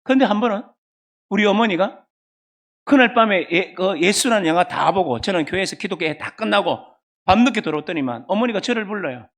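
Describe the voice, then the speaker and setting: A man in his fifties with a Gyeongsang accent, preaching a sermon as a pastor through lively storytelling and questions to the congregation. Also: high voice, fairly quick. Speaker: pastor and seminary professor.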